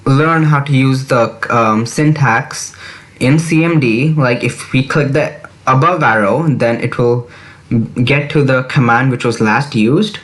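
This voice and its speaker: Slow-talking man teaching beginner coding. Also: medium pitch, fairly bright tone. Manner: repetitive, reassuring, walks through steps aloud. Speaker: programming tutor. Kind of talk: screen-recorded coding tutorial.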